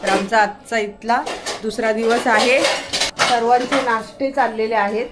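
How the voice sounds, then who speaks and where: A woman's voice: on the high side, steady tone, unhurried, loud music behind the voice. A woman vlogging outdoors in light rain, filming on a handheld camera while she coaxes and scolds her dogs. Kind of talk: casual vlog talk. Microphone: handheld camera while walking.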